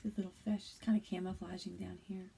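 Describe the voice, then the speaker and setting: Reading a bedtime picture book to little ones, this thirtysomething kindergarten teacher keeps her voice soft and hushed, frequently dropping to a whisper while staying gentle and encouraging. Her voice is fairly low and gravelly, her delivery flat and quick, with slight background noise.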